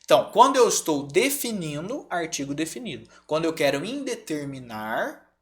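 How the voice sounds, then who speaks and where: A Brazilian man teaching a grammar class online, lively and often checking in with his students. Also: a little high, normal speed. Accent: Brazilian Portuguese.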